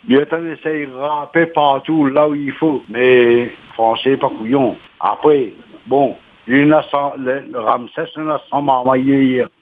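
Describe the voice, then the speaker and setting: A man leaving a voicemail message, rambling and stumbling over words as he restarts them. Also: medium pitch. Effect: voicemail message over a phone line. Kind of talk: rambling phoned-in rant. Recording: tinny phone line.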